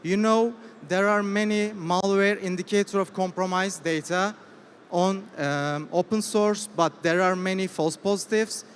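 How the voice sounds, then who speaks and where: A man with a Turkish accent giving a business pitch in halting, hesitant English. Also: fairly even intonation. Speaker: startup presenter. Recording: reverberant hall with faint noise.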